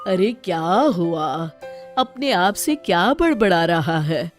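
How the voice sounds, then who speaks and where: A woman voicing a kindly older mother-in-law who gently scolds her son in a cartoon. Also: fairly low pitch, sing-song, slow, over music. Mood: teasing. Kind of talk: cartoon voice acting.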